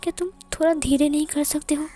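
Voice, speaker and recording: Give me a woman playing a timid, pleading young man who stutters, high and soft-toned. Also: fairly even intonation, fast talker, close to an everyday voice. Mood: fearful. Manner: stammering, pleading.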